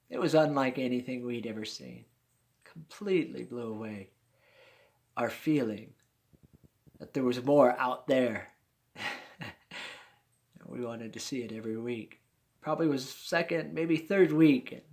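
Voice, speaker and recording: An older man in his sixties with a gravelly, creaky voice spins a personal tale. He talks in a folksy, easygoing way, with chuckling asides, as a storyteller for his listeners. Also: mid-range voice.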